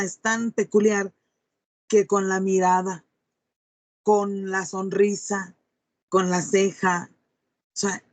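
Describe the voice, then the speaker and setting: A woman's voice: medium pitch, no room sound. A woman preaching a sermon, reading scripture aloud and then expounding it with emphatic rhetorical questions to her listeners.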